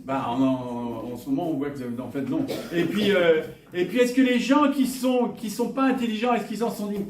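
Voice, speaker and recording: Preacher, man, high voice, heard from far off in a reverberant church hall; lively, rhetorical delivery. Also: normal speed, a little hiss or hum. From northern France. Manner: lively, rhetorical questions, jokes with the congregation. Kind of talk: sermon. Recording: echoey church hall, from afar.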